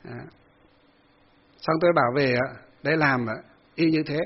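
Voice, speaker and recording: A man's voice: fairly high pitch, steady tone, normal speed, dull audio. A man giving a folksy Buddhist sermon, telling a story with many fillers and acted-out quotes. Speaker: Buddhist monk giving a dharma talk.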